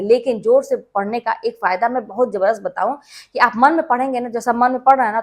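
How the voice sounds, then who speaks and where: Woman with a slightly high voice, earnest and emphatic, for an informal motivational study-tips talk. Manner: earnest, emphatic, speaks directly to listeners. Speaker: schoolteacher. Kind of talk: casual advice talk to exam aspirants.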